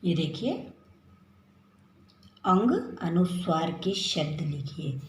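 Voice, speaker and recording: A woman teacher giving a children's lesson, drawing words out slowly in a sing-song drill. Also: deep voice, sing-song. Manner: slow, drawn-out, sing-song word drilling. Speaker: primary school teacher. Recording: very echoey room with faint noise.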